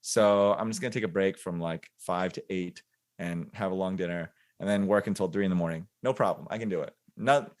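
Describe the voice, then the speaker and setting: A man in his forties with a lowish voice, guesting on a podcast. He speaks in a relaxed, thoughtful way, circling his points with plenty of fillers. He often laughs at himself along the way. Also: brisk. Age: 40s. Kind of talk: casual interview conversation.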